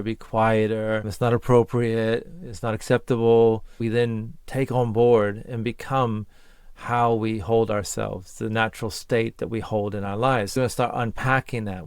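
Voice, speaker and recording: A man with a fairly low voice gives an earnest spoken lesson as a voice coach, stringing his points together in short lists. The sound is dry and close, with no room echo. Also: clear, resonant tone.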